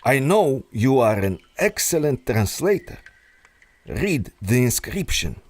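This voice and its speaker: A man's voice: mid-range voice, sing-song, slow pace. An actor playing a scheming, manipulative male villain doctor in an old-time radio drama, with a silky, menacing delivery. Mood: condescending.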